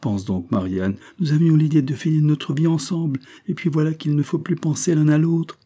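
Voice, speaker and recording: A man's voice: mid-range voice, a little fast, dark tone, slightly rough, natural voice. A man reading aloud, voicing a grieving, stubborn young peasant woman in a plaintive, insistent way. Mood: sorrowful.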